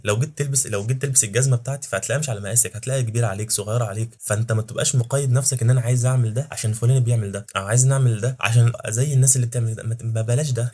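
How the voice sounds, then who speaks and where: A man's voice: on the low side, mellow, breathy edge. An Egyptian man hosting a motivational religious podcast, talking in an earnest, insistent way and repeating his points for emphasis. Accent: Egyptian Arabic. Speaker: podcast host.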